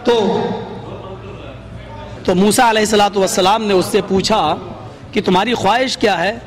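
A man preaching a sermon, telling a story with dramatic rises in his voice for quoted speech, before a seated gathering. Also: sits high.

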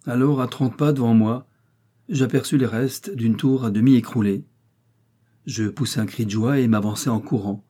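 A man reading a nineteenth-century novel aloud as an audiobook, in a measured, even narration. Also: mid-range voice, husky. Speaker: audiobook reader.

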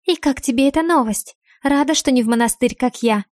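A woman's voice: sits high, fairly quick, darkish tone, no echo, clean studio sound, voice pushed up, natural voice. A woman voicing a bitter, jealous young woman who is the heroine's sister in an audiobook. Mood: mocking.

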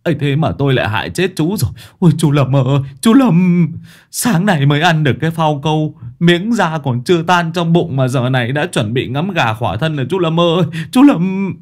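A man voicing a melodramatic male addict friend who wails a loud singsong lament. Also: on the high side, lively intonation, fairly quick, voice pushed up, natural voice. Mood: wailing lament.

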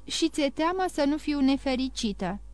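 A woman's voice: high voice, animated, darkish tone, dry recording, voice pushed up. A woman reading an audiobook voices a loving young granddaughter who questions her grandfather in a pleading, affectionate way.

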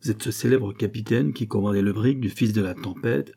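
Man doing a haughty prince, suspicious, commanding, mellow husky voice, adventure storybook. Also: lowish voice, a little fast.

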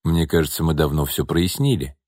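A cold, sneering wealthy man, as the male reader plays him, calm and dismissive in an audiobook. His voice sits low and dark. The sound is dry and close-miked. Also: brisk, no room sound.

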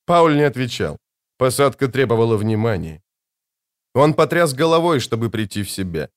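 A man reading a novel aloud as an audiobook narrator, in a measured, dramatic storytelling manner. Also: mid-range voice, animated. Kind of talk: scripted narration.

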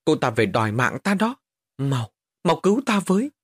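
A man's voice: a little high, sing-song, normal speed, a bit bright, husky, dry recording, studio quality, pitched above the performer's own voice, heavily acted. A man playing a panicked, guilt-ridden elder brother. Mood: terrified. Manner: panicked, pleading, voice rising.

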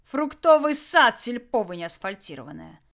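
A woman voicing a brash, cocky young man who shouts crude jokes and threats. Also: on the low side, animated, brisk. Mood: mocking.

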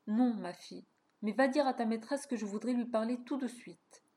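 A woman's voice: fairly high pitch, normal speed, warm tone, close to an everyday voice. A woman voicing a hesitant, anxious older man of sixty-two who stammers through his question, in a storybook reading.

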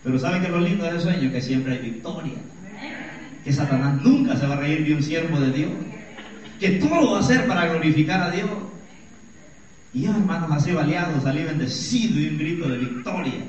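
A man's voice: fairly high pitch, animated, fairly quick, darkish tone. A middle-aged man, a pastor who preaches an emphatic sermon, telling stories and calling the congregation brothers. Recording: echoey church hall, distant dull mic.

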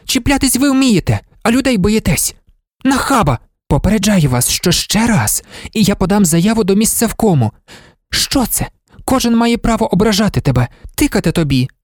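Proud young woman clerk, quick to anger, sharp high outbursts; a man acts her out in a storybook reading. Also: very animated, dry recording, studio quality. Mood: furious.

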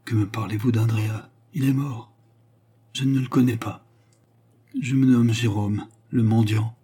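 A man reading aloud and voicing a starving young male beggar who stammers in fear, in a low, husky voice. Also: fairly even intonation, measured pace, warm tone. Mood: frightened. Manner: stammering, frightened.

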